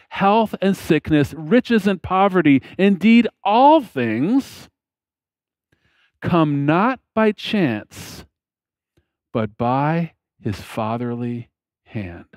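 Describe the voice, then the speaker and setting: A man in his fifties delivers a sermon at a slow, deliberate pace, leaning on pauses and letting his phrase ends drop away. His voice sits a little high for a man. The sound is dry and close from a headset mic. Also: a little mellow, no echo. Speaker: pastor. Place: church platform behind a lectern, indoors.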